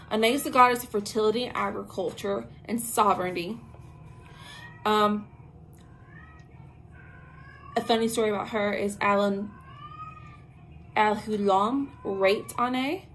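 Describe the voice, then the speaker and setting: Her voice is medium-pitched, and the low-quality recording carries slight background noise. She is a young woman hosting a witchcraft talk channel, delivering a casual spoken lesson to a camera held at arm's length in a small bedroom with tapestries, with frequent ums and slangy asides.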